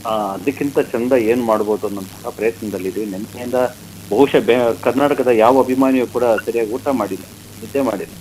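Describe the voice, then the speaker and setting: Man, phoned-in interviewee, deliberate pace, flares up when stressing points, faint line hiss. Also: medium pitch, darkish tone, rough recording. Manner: measured, slow, rising to heated emphasis. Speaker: fan association state president.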